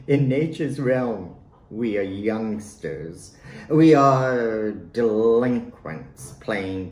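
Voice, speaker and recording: A man reads his own poetry dramatically, slow and deliberate, leaving theatrical pauses between phrases while his slightly mellow voice swoops widely in pitch from line to line. He's at home in a roomy indoor space, and the recording has an echoey roominess with faint background noise.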